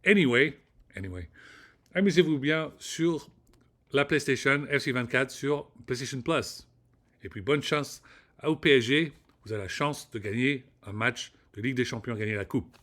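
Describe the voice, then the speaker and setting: A man from Rennes in Brittany, rambling through a casual solo vlog with an excitable pep talk and casual swearing. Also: mid-range voice, moderate pace. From Rennes, Brittany, France. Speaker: vlogger.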